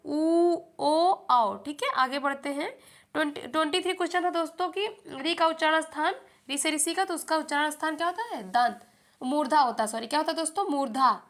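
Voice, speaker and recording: A young woman with a high, bright voice teaches an exam-prep lesson. She often puts a question to the viewer and answers it herself, keeping a steady teaching rhythm. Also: fast. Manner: repeats questions back to the viewer, calls them friends.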